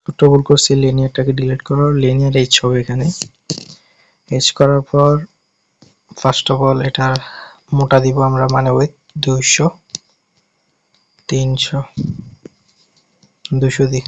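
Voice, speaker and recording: A man's voice: mid-range voice, completely flat delivery, measured pace, pauses often, lo-fi sound. A man from Bangladesh talking through an app-building tutorial step by step in a casual way, often correcting himself as he goes. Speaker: tutorial host.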